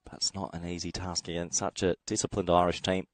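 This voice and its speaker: Croaky Australian cricket commentator, man. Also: low voice, flat delivery, a little fast, no room sound. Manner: chatty, reads out viewer comments. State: slight head cold, croaky. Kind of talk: solo live sports commentary.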